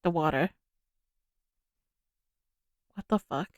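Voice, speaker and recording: A woman's voice: sits low, slow, no echo. A woman streaming a game live, reading its text aloud and reacting nervously. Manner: reads game text aloud, jumpy and scared. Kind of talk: live gameplay commentary.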